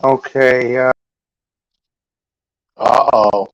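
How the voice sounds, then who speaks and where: A man's voice: medium pitch, steady tone, extremely slow, no room sound, low-quality recording. A man chatting casually and joking at his own expense on a livestream. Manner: joking, self-deprecating. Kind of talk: casual chat.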